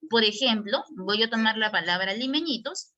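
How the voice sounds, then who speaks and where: A woman's voice: fairly high pitch, lively intonation, normal speed, bright, forceful tone, lo-fi sound. A woman giving an online language lesson as a teacher, asking and answering her own questions as she explains.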